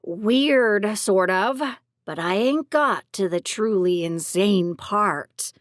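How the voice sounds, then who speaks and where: A woman plays hard-edged bounty hunters swapping wild stories over drinks, swearing freely in street slang. The delivery is slow and unhurried at a middling pitch. The sound is dry and close with no room around it. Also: no echo, natural voice. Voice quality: crude, foul-mouthed street slang. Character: rough-talking women bounty hunters. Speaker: voice actor for three women characters. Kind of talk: audiobook character dialogue.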